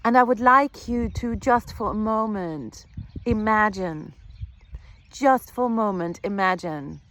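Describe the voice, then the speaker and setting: A woman healer giving an earnest, reflective spiritual talk, repeating phrases and pausing softly. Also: medium pitch. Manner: slow, earnest, with soft pauses and repetitions.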